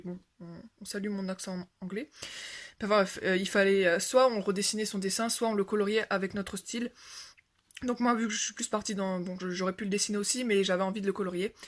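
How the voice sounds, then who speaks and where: Young adult woman, casual coloring-channel host, rambling and full of fillers. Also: medium pitch. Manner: rambling, self-correcting, many fillers. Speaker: coloring video creator. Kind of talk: casual show-and-tell chat.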